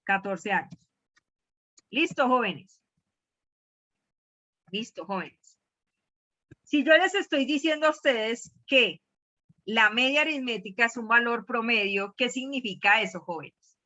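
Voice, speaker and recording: A woman's voice: a little high, expressive, a little slow, long pauses, pushed and bright. A woman teaching a math class, questioning her students and repeating key words. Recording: dull lo-fi class recording.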